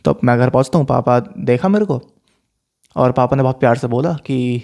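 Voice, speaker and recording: A young man casually telling a story from his school days, animated, mixing in English phrases. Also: medium pitch, moderate pace, vocal fry. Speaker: storyteller vlogger.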